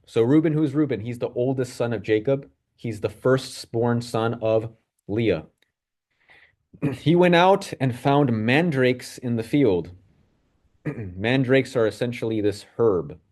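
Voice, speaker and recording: Male Bible study teacher, middle-pitched, conversational explainer, rhetorical questions, fillers, occasional throat clearing. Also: a little mellow.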